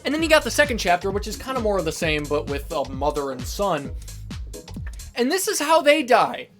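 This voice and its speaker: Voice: mid-range voice, sing-song, a little fast, a bit bright, faint music behind. A person giving a casual, sweary, sarcastic video essay commentary on a video game. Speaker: video creator reviewing a game.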